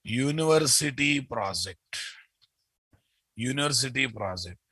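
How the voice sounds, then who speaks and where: A man's voice: medium pitch, expressive, a little slow, bright, forceful tone, slightly rough, dry recording. A man with a Telugu Indian accent, teaching a live programming class emphatically, repeating key phrases and checking that students follow. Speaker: programming instructor. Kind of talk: live online class lecture.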